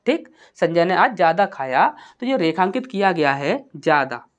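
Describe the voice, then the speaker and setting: Woman teacher doing exam grammar, low voice but super lively pitch, quizzes and answers herself. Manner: asks questions and answers them herself; reads example sentences slowly and deliberately. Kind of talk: exam-prep grammar lesson.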